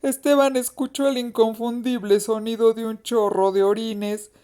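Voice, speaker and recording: A woman narrating a mystery story in a slow, expressive, suspenseful reading. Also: on the high side.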